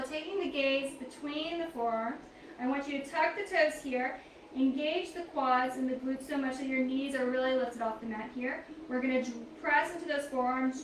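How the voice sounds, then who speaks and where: A woman leads a yoga flow with calm, encouraging cues and counts, a little out of breath. Her voice sits high. The sound is roomy and echoey, with a faint hiss underneath. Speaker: yoga instructor. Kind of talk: guided yoga class cues. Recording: echoey room, mic at a distance, faint noise.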